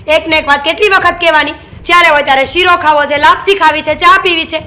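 A woman's voice: high voice, fairly even intonation, quick pace, pushed and bright. An actress playing a young daughter-in-law who scolds her mother-in-law sarcastically. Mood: scolding. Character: sharp-tongued young daughter-in-law refusing tea.

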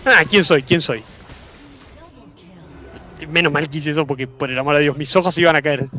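A streamer with a Rioplatense Spanish accent and a voice on the high side gives excitable live gameplay commentary at a normal speed. He swears casually and repeats his phrases.

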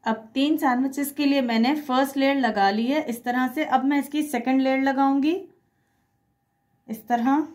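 With a slightly high, slightly mellow voice, a woman narrates a step-by-step tutorial for a home recipe. She keeps it conversational while giving instructions, and English words pop up as she talks.

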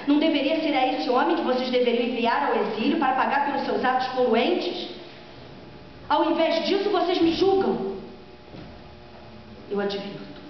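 A woman's voice: a little high, natural voice. A woman performing a proud, vengeful, gloating queen in a theatrical, declamatory reading of Greek tragedy. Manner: theatrical, declamatory, emphatic dramatic reading with drawn-out phrases. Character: proud, vengeful queen who killed her husband, defiant and gloating. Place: large classroom or lecture room, indoors. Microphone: far camera microphone. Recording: echoey hall from afar, dull sound, mains hum.

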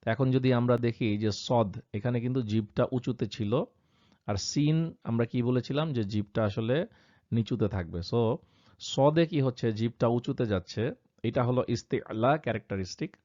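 A man's voice: mid-range voice, moderate pace, mellow. A man, patiently teaching Quranic pronunciation and repeating example sounds aloud. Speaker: tajweed teacher. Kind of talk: explanatory lesson. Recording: dull lo-fi sound.

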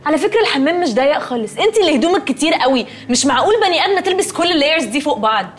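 An actress playing a snippy, fashion-conscious young roommate with an Egyptian accent. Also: female voice, sits high, animated, racing, slight background noise. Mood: scolding. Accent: Egyptian Arabic. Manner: snippy, scolding.

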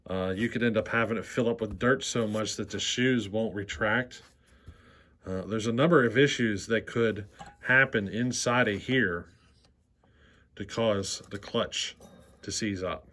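Guy at a workbench walking you through a fix, lowish voice, easygoing, keeps saying see how. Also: fairly bright tone. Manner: plain, unhurried explaining with frequent "see how" prompts. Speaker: chainsaw repair channel host. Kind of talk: hands-on repair demonstration. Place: workshop bench.

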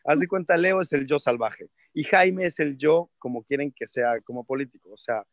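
A Mexican-accented politician chats casually in an interview, his voice a little high at normal speed, recorded in the studio without echo. He tells stories in blunt slang, laughs often, and acts out other people's voices.

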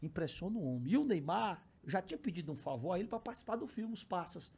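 A man with a Cearense accent, a podcast guest telling a story, acting out voices and shouting the bids. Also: high voice, animated, fast talker, creaky, breathy edge. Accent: Cearense Brazilian Portuguese. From Ceará, Brazil. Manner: acts out others' voices, shouts bids, laughs while telling. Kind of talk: animated storytelling.

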